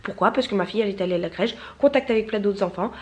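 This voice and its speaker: A young woman with a stuffy nose from a cold chats casually to camera in a vlog, rambling with lots of fillers and restarts. Her mid-range voice moves very fast.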